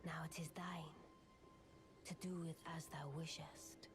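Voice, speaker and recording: An actress voicing an icy, secretive witch in a fantasy game, speaking softly and breathily in cold, formal, archaic English. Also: low-pitched, steady tone, unhurried, over music. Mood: solemn, measured. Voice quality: soft, hushed, breathy. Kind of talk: fantasy video game dialogue.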